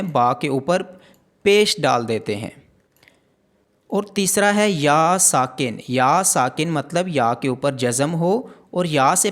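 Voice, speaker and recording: A man teaching Quran reading in a step-by-step pronunciation lesson, with a Pakistani Urdu accent, slowly repeating letter sounds for drill. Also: on the high side, fairly bright tone.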